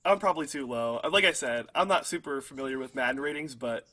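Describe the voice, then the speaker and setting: A young co-host on a casual sports podcast talks football fast, with a medium-pitched, expressive voice that's bright and forceful. Chatty and full of fillers, he tends to laugh at his own hot takes.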